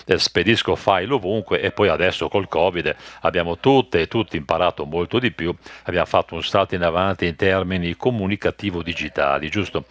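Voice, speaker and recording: Very deep-voiced male interpreter, close and dry. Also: dry recording. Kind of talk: simultaneous interpretation of a stage talk.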